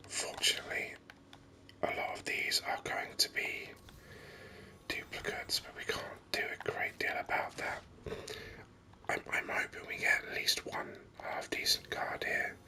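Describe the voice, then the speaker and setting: Over game screen capture, a gaming host whispers rambling, hesitant ASMR commentary with the microphone very close to the mouth. The whisper is breathy and unvoiced, yet bright and forceful, delivered at a measured pace.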